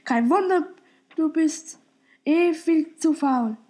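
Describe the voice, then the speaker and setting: A woman doing a cheeky eleven-year-old boy, bossy and teasing, with a high voice in a homemade radio play. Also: slow, a little mellow.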